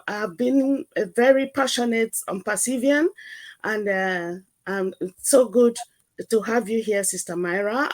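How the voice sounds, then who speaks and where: A woman from Nigeria, a guest on an online video chat, speaking affectionately with many hesitations and fillers. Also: mid-range voice.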